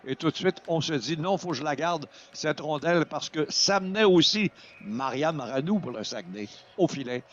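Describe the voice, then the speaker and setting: A man with a Quebec French accent doing excited sports commentary as a play-by-play announcer, exclaiming over the action. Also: fairly high pitch, moderate pace, lo-fi sound. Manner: exclaims over plays, voice surging at shots and goals.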